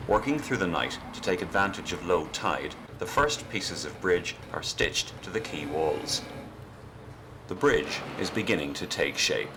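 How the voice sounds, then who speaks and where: Low-voiced documentary narrator, a man. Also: expressive, unhurried. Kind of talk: scripted narration. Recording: clear background noise.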